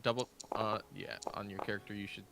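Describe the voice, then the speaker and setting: A man running an online tabletop game as game master, halting with fillers and often laughing. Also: on the low side, level tone, vocal fry, noisy background.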